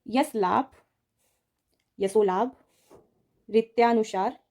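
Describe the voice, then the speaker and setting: Speaking very slowly in a voice on the high side, a woman teaches an exam-prep Hindi spelling lesson. She patiently repeats each word, addresses her students directly, and often checks in with them in a steady, explaining tone.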